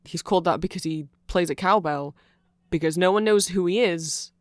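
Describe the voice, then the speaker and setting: An ASMR audio creator with a mid-range voice speaks at normal speed, recorded dry on a close microphone. The explanation is off-the-cuff and nerdy, rambling along with asides and self-corrections.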